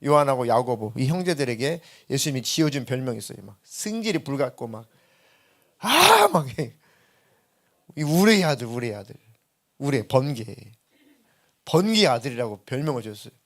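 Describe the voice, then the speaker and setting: A man's voice: mid-range voice, lively intonation, brisk. A man preaching a sermon as senior pastor, telling stories in a conversational way and acting out what people said in a raised voice. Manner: conversational storytelling preaching, acts out quoted dialogue in a raised voice. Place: church sanctuary.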